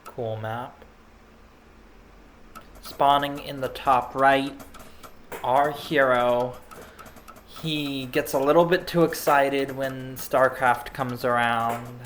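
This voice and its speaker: A man's voice: medium pitch, fairly even intonation, slow, pauses often, a bit bright, a little hiss or hum. A man giving casual, rambling commentary over video game replays, chatting while he snacks. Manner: rambling, laid-back, snacking while talking.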